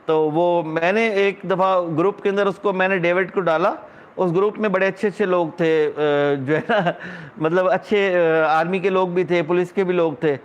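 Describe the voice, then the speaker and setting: A middle-aged man from Pakistan talks straight to his audience in a loose vlog monologue. His voice sits high for a man. He rants, sounding indignant and scornful. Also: fairly even intonation. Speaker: vlogger. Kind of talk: casual monologue.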